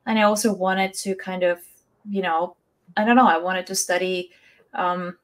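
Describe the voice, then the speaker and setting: A woman's voice: on the low side, steady tone, normal speed. A woman, telling her own story conversationally as an interview guest on a video call. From Austria. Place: indoor room, video call. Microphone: wireless earbuds on video call.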